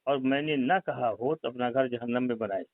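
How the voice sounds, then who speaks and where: On a recorded phone call, a man with a medium-pitched voice and normal pace questions a member of a religious group. He argues insistently about religion, pressing with one leading question after another. The recording is dry.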